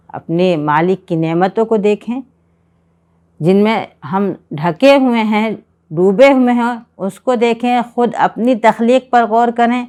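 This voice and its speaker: A woman giving a religious lecture on a Quran chapter, speaking in earnest, measured exhortation with repeated phrases. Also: mid-range voice, a little mellow.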